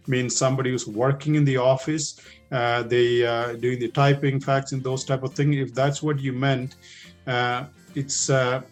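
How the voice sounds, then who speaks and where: A middle-aged police officer with a thick Indian accent and medium pitch answers recruits' questions in an informal Q&A. His talk is loose and conversational, full of fillers and restarts.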